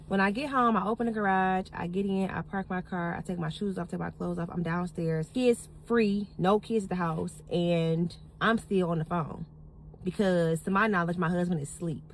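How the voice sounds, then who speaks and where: A woman telling a personal story in a casual rant, animated and indignant, swearing and acting out what others said. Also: mid-range voice, a little hiss or hum. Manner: animated, indignant, swears, quotes people in a rising voice. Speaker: storyteller venting on a social video.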